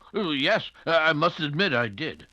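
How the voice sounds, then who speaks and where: A man playing a genial older gentleman doctor in 1940s radio style, with hesitant, old-fashioned phrasing. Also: on the high side, expressive, slow, no echo, muffled recording, full character voice. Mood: genial, amused.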